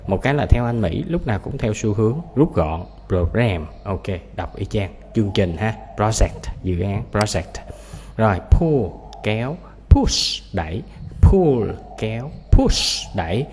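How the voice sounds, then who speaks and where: Male English teacher, lowish voice, drills vocabulary slowly, echoey room with faint hiss. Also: animated, darkish tone. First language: Vietnamese. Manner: repeats each English word slowly and clearly, explains sounds. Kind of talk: vocabulary lesson, word by word.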